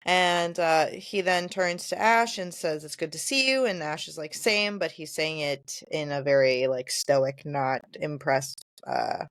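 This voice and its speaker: A woman's voice: low-pitched, steady tone, unhurried, hardly any pauses, dry recording, clean studio sound. A woman co-hosting a podcast, casually retelling book chapters and quoting characters in a chatty way. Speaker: podcast co-host.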